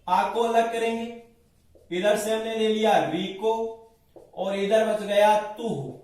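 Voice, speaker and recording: A man's voice: high voice, a little mellow. A man teaching Sanskrit grammar in a lecture, explaining step by step and asking and answering his own questions. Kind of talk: classroom lecture at a board. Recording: very echoey room, mic far off.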